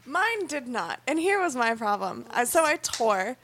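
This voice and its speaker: A woman's voice: high-pitched, very animated, measured pace, a bit bright, slight background noise. A young woman telling blunt, profane stories in a casual chat.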